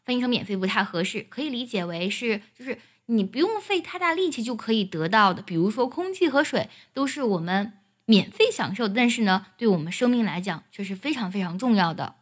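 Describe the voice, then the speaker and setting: A woman teaching an English song, explaining each line and singing it slowly as a demonstration. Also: on the high side, big pitch swings, breathy edge. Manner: explains pronunciation, then sings demo phrases.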